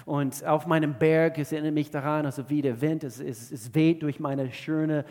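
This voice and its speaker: A male pastor from the southern United States, preaching an earnest sermon in German with many halting restarts. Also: a little high, steady tone, a little mellow, in a large hall. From Georgia, southern USA.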